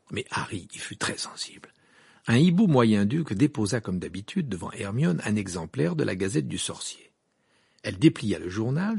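A man narrating a novel as an audiobook in an expressive reading. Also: fairly low pitch, creaky, husky, dry recording. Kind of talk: scripted narration.

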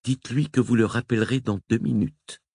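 A man reading a novel aloud, voicing a forceful, insistent woman journalist. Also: mid-range voice, steady tone, fairly quick, husky, dry recording, studio quality, voice pushed up. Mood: firm. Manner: sharp, insistent.

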